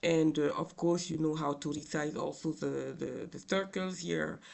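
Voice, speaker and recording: A man with a tearful, crying voice giving an informal software tutorial in a halting, hesitant way with many filled pauses. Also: on the high side, steady tone, gravelly. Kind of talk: informal screen tutorial narration.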